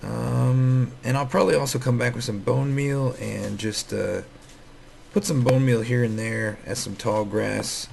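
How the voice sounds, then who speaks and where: A man's voice: medium pitch, steady tone, unhurried, creaky. A man with a scratchy morning voice giving casual, rambling gameplay commentary full of fillers and restarts. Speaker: Minecraft let's player.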